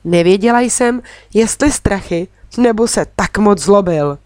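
Woman audiobook reader, expressive storytelling, close dry recording. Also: medium pitch, dry recording. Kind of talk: storybook narration in first person.

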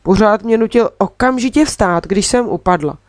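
A woman's voice: mid-range voice, darkish tone, no room sound. Woman reading a children's story, dry sound. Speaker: audiobook reader. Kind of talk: storybook narration in first person.

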